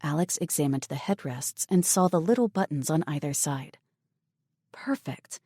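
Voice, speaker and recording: A woman narrating an audiobook novel in an even, measured storytelling manner. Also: sits low, no room sound, clean studio sound. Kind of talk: scripted narration.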